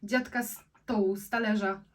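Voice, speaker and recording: A woman's voice: mid-range voice, steady tone, normal speed. A woman co-hosting a food vlog, chatting casually and reacting bluntly as she tastes spicy food. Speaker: vlog co-host. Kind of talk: casual food-tasting chat. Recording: slightly distant microphone.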